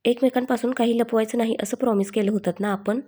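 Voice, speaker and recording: A woman's voice: a little high, fairly even intonation, fast, mellow, husky. A woman voicing a young woman friend in a story reading, stern and teasing.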